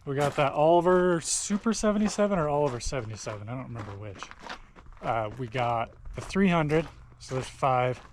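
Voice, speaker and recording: A young man chatting casually as he walks through his barn and shop showing off old tractors, folksy and quick to correct himself. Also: medium pitch, expressive, noisy background. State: out of breath. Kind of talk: casual walkthrough talk.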